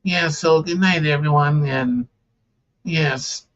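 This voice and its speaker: A man hosting a casual live stream, tired and sleepy, talking slowly with lots of "yeah" fillers. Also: on the high side, lo-fi sound. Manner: slow, relaxed, many "yeah" fillers, tired and yawning.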